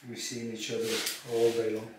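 Turkish-accented barber in an echoey shop. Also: male voice, on the low side, completely flat delivery, a little fast. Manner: short repeated phrases, broken English. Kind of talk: casual chat while cutting hair. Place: small barbershop by a street window. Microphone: far camera. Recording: very echoey room, mic far off, loud noise.

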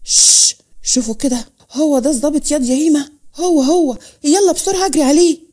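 Rough Egyptian street thug, bossy and rushed, as a woman storyteller does him, high-ish voice. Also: warm tone, lightly acted. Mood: urgent. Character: street thug, young man, pushy and rough.

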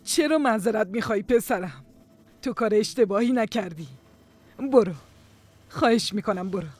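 A woman's voice: mid-range voice, animated, darkish tone, no room sound, lightly acted. A woman dubbing a wounded, proud mother. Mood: hurt. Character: older mother, hurt and proud. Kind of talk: Persian dubbing of a drama series.

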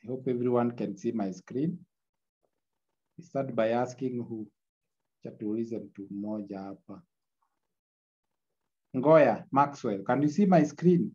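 A man gives an online lecture, captured in a screen recording of the video call. His voice is dark and mellow, and the audio is muffled and lo-fi. He repeats key lines and keeps checking in with the class. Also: medium pitch, unhurried, pauses often. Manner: repetitive, checks in with tag "eh?".

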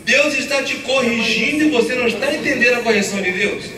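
A man from Brazil, a pastor preaching a sermon, animated and laughing as he acts out family stories. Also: very high voice, fast talker, a crowd in the background. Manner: animated storyteller acting out family scenes, laughing often. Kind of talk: sermon with storytelling. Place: church hall. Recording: echoey church hall from far off, noisy.

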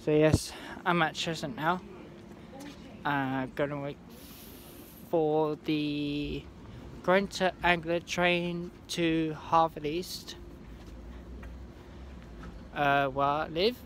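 A young man vlogging on a railway platform, talking in a halting, rambling way with many restarts, into a phone held at arm's length. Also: fairly high pitch, fairly even intonation, fairly bright tone, slight background noise. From England. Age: young adult. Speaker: trainspotting vlogger. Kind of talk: casual handheld vlog. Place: outdoor railway station platform.

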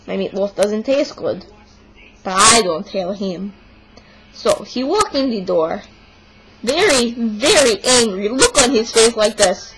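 A young woman plays a stubborn young Russian woman in a comic monologue, putting on a Russian accent and broken English that drops articles as she complains with exaggerated indignation. Her mid-range voice is expressive and slow, captured in a noisy home video.

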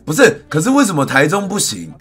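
A live streamer, a man whose bright, slightly husky voice swings widely as he rants. He tosses in English phrases between bursts of loud complaint, with faint music behind him. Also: fairly high pitch, a little fast. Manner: animated, mixes English phrases, ranting loudly. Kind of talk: casual livestream chat.

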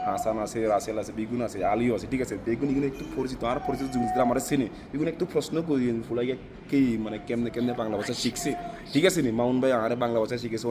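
Man, Noakhali-accented Bengali learner, rattles through rambling answers at high speed, outdoor street noise. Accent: Noakhali Bengali dialect, non-native. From South Africa. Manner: rambling, keeps asking "right?". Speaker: interviewee. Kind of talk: casual interview answers.

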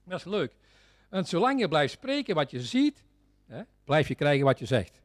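A Flemish man preaching with fervor, hammering the same phrases again and again. His fairly high voice leaps up and down as he alternates loud outbursts with hushed, intense passages. The recording is dry and close, with no room sound. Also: big pitch swings, normal speed, no echo. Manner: fervent, repetitive, swings from loud exclamations to quiet intensity. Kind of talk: sermon.

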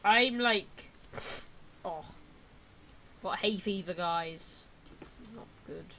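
A woman's voice: mid-range voice, slow. A young woman co-hosting a casual gameplay video, playful and calling out as she plays. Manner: playful, yells at fleeing animals. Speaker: let's play co-host. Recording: noisy mic with lawnmower outside.

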